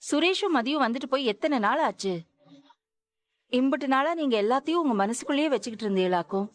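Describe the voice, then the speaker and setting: A woman's voice: high voice, animated, quick pace. An actress in a TV serial playing a worried middle-aged mother and wife who pleads and reproaches through tears. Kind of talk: Tamil TV serial acting.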